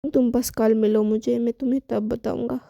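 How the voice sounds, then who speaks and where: A woman's voice: on the high side, little pitch movement, moderate pace, creaky, dark tone, no room sound, clean studio sound. A woman reading as an irritated teenage boy. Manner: irritated, curt. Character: angry proud teenage boy student.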